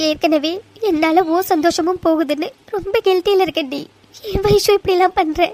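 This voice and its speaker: A young cartoon woman who pleads and cries in a very high, tearful voice, acted by a woman. She is a burn patient begging her friend to listen. The sound is dry and close. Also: fairly even intonation, a little fast, darkish tone, dry recording. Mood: pleading tearful. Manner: pleading, crying. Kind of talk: cartoon voice acting.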